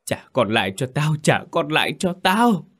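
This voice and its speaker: A man's voice: fairly high pitch, big pitch swings, moderate pace, fairly bright tone, husky, pitched above the performer's own voice, full character voice. A man voicing a grieving village mother who screams accusations. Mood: accusing.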